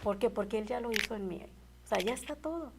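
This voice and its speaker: A woman's voice: a little high, expressive, fast talker, heavy background noise. A woman telling an emotional faith testimony in an earnest, heartfelt way as a guest. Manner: earnest, heartfelt, repeats and restarts phrases.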